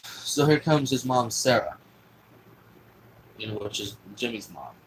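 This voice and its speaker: A man's voice: mid-range voice, animated, unhurried, slight background noise, rough recording. A young man telling a long personal story in a rambling, profane, casual way. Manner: rambling, profane, full of fillers and restarts.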